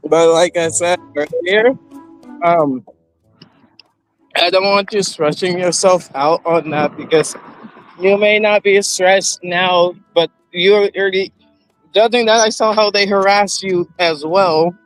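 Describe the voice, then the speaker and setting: Young male streamer, high-pitched, casual and halting, soft music bed. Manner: rambling, halting, many fillers.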